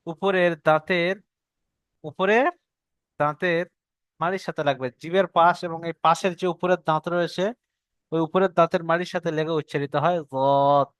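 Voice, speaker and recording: Bengali-accented male teacher, slow careful repetition, raised pitch, bright and smooth. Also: steady tone, no echo. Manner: patient, repeats each point slowly for the student. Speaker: Quran recitation teacher. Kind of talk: online tajweed lesson.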